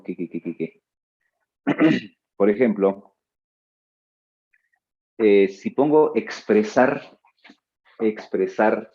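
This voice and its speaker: A male teacher giving a spelling lesson, drawing out his words slowly and adding playful asides to his students. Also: lowish voice, dark tone, highs cut off. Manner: slow, drawn-out words, playful asides to the listener.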